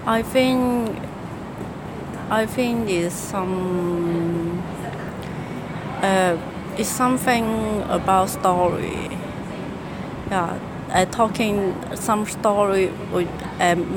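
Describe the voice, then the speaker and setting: A woman's voice: mid-range voice, drawn-out words, heavy background noise. A young woman from mainland China with a Chinese accent answers interview questions in second-language English, hesitantly, repeating and searching for words. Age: young adult. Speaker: university student interviewee.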